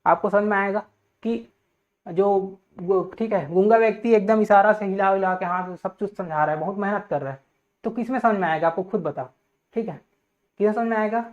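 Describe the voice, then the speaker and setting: A man's voice: sits high, brisk. A man teaching a class, explaining points step by step, checking in with "okay" after nearly every phrase and putting questions to his students. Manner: repeats "theek hai" constantly, asks students questions. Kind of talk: classroom lecture. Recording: tinny phone-like audio.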